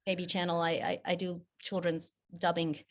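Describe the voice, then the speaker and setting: Speaking in a lowish, flat tone at moderate speed, this interview guest discusses her voice acting. French is her first language, though her English carries an American-sounding accent; she works as a voice actor and theater producer and restarts frequently in the relaxed conversation.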